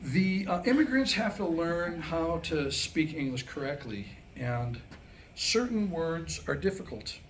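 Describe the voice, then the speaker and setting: A man with a fairly high voice and lively intonation tells jokes to a small live audience in a relaxed, wry stand-up manner, taking his time. It's a staged reading before listeners, and the rough recording carries faint background noise.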